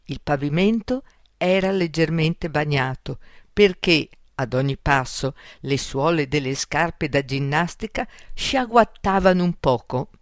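Woman narrator for a kids' fairy tale audiobook; slow, careful, dry studio. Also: sits low, expressive, dry recording.

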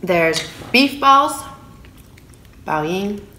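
A woman in her thirties from San Francisco, USA, chats casually for a food vlog while eating at her dining table in a small room at home. Her medium-pitched voice is extremely slow, relaxed and chatty, with talk squeezed between bites. The phone camera on the table picks up reverberation and slight background noise.

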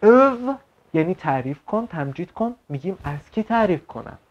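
Man teaching slowly, dull lo-fi recording. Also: sits high, big pitch swings. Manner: asks quick checking questions, repeats words slowly. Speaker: Turkish language teacher. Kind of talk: explanatory online lesson at a whiteboard. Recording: slightly dull lo-fi sound.

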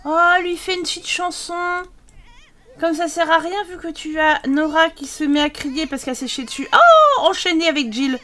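High bright-voiced woman narrating her game, laughs a lot, scolds the characters. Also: level tone, moderate pace. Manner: exclaiming and teasing, talks to game characters; frequent laughter and mock exasperation. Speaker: let's play gamer. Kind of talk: video game commentary.

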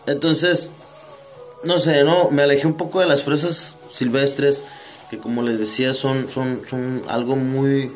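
A man with a Mexican Spanish accent talks in a loose, rambling monologue, heavy with street slang and wry jokes. His pitch sits in an ordinary middle range. Faint music plays behind him. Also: steady tone, measured pace. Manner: slangy, joking, rambling asides. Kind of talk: casual monologue.

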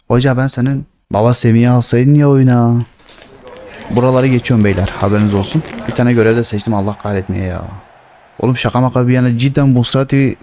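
A young man commenting on his own football video game, swearing and shouting at the players. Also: mid-range voice. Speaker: gaming streamer.

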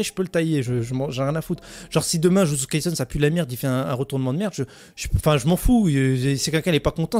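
Fast-talking high-voiced young man ranting. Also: a little mellow. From France. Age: 20s. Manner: indignant, exasperated ranting with heavy slang and swearing. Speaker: anime YouTuber. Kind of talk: ranting video review.

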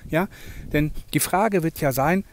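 A man hosting a motivational podcast monologue, talking emphatically, swinging between loud and soft and often checking in with "ja?". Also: on the high side, unhurried, noisy background. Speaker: podcast host, coach.

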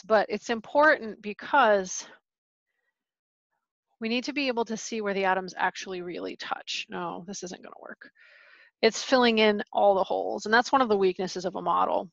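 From home, with her pet dogs around, a woman teaches chemistry via a screen-recorded lecture walkthrough, explaining in a casual, chatty way. Her voice is on the high side with vocal fry, at normal speed. The recording sounds dry and muffled.

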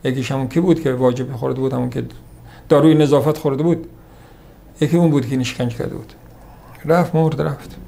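A man giving a religious lesson on hadith, reciting Arabic quotations slowly, then explaining them in a conversational lecturing way. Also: medium pitch, fairly even intonation, vocal fry, mellow. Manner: conversational lecturing, repeats points. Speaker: religious teacher. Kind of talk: sermon on hadith.

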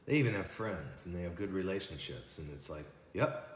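A man's voice: sits low, lively intonation, a little fast, slight background noise. A man who is a church guest, thoughtful in conversation and often agreeing. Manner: reflective, agreeable, backchannels often. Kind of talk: casual faith chat. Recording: roomy, echoey room.

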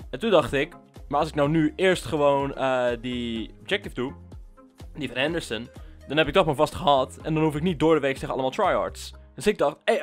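A man giving casual commentary over his gameplay, chatty and ranting, with many fillers. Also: medium pitch. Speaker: gaming YouTuber.

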